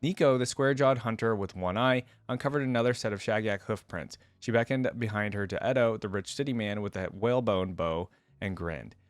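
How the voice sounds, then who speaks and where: A game lore reaction host reads a story and chats about it in an informal, slangy way. His pitch is fairly low, and he talks fairly quickly with hardly any pauses. The recording is dry, with faint music in the background.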